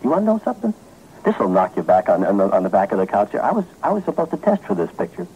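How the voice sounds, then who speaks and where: A man's voice: on the low side, big pitch swings, very fast, vocal fry, mellow, lo-fi sound, a little hiss or hum. A man hosting an old radio show, chatty and hesitant with many fillers, interviewing a guest. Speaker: radio host. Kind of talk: archival radio interview and chat. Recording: old archival radio tape with music behind.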